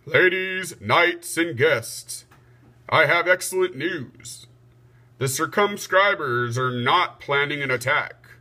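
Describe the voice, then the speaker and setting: A man's voice: fairly high pitch, lively intonation, takes it slowly, bright, forceful tone, full character voice. A man voicing a commanding, stately storybook king, formal and declamatory. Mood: proud announcing. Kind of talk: storybook read-aloud.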